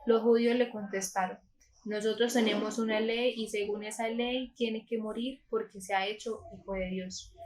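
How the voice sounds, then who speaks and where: A woman from Colombia reading a Gospel passage aloud in a calm, measured way, with a few small slips. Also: a little high, low-quality recording. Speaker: scripture reader.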